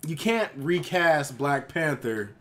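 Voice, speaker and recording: Hesitant, thoughtful man with lively pitch. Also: slow. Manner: thoughtful, hesitant, many fillers, explains points. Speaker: podcast co-host. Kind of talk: casual chat.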